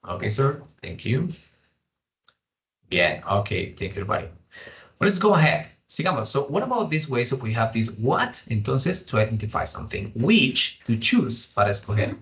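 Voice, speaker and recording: A man's voice: mid-range voice, very animated, a little slow, a bit bright. Bilingual man teaching English. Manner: switches between English and Spanish, repeating each point. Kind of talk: bilingual online class.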